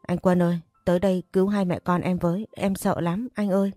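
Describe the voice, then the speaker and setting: A woman's voice: low-pitched, brisk, warm tone, no echo, studio quality, faint music behind. Woman reading as a defiant young pregnant woman. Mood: pleading. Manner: defiant, pleading.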